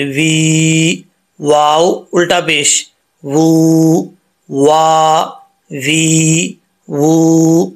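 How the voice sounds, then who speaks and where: Male Quran tutor with a Pakistani Urdu accent, slightly high and monotone, patient drill-style lesson voice. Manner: drills syllables, then explains pronunciation calmly. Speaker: Quran reading teacher. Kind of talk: slow letter-by-letter recitation lesson.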